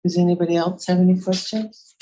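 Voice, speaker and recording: A woman's voice: fairly low pitch, fairly even intonation, brisk, dark tone, rough recording. A woman who serves as mayor, chairing a council meeting and asking direct questions.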